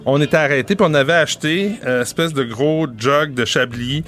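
A man's voice: a little high, moderate pace, a bit bright. Chatty Québécois man hosting. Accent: Québécois French. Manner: rambling, with many restarts and fillers. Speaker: podcast host. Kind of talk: casual wine chat.

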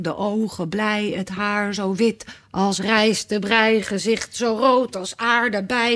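A woman voicing a dreamy male knight reciting a nonsense ballad in a lilting, half sung way. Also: on the high side.

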